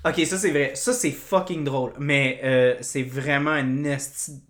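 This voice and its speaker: A woman with a Québécois French accent, co-hosting a casual podcast chat, animated and swearing, with lots of fillers and loud laughs. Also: rumbling low, measured pace. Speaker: podcast co-host. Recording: echoey room.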